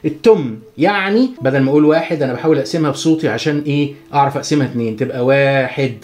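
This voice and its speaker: A man with an Egyptian Arabic accent giving a chatty, joking guitar lesson, counting the beats out loud. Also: mid-range voice, racing. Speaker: guitar teacher. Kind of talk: casual spoken music lesson.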